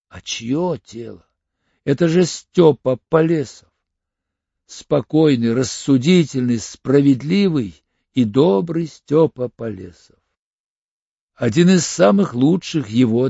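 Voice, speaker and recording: A man narrating an audiobook in a steady, even storytelling manner. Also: medium pitch, vocal fry, slightly rough, dry recording. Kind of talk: scripted narration. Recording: dull lo-fi audiobook recording.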